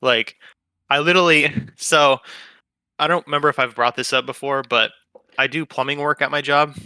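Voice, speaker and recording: A man's voice: fairly high pitch, steady tone, normal speed, pushed and bright, smooth, no room sound, studio quality. A young man co-hosting a podcast, chatting casually in a rambling, profane, laid-back way. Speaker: podcast co-host. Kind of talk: casual chat.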